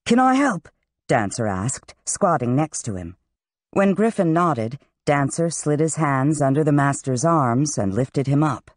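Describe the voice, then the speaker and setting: Lively fantasy audiobook narrator. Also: medium pitch, measured pace, dry recording.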